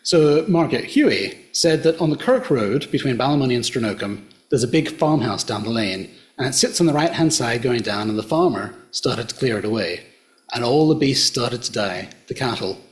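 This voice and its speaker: A middle-aged Australian man gives a public talk in a hotel function room, retelling local folklore in a measured storyteller's manner. His voice is medium in pitch and expressive, suiting his role as a local history presenter.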